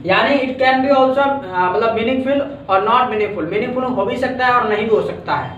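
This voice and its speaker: High-voiced male teacher in an echoey classroom. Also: a bit bright, a little hiss or hum. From India. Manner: patient, repeats words and breaks them into syllables. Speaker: English teacher. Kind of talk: classroom grammar lesson. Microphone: far from the mic. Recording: echoey room, distant dull lo-fi mic.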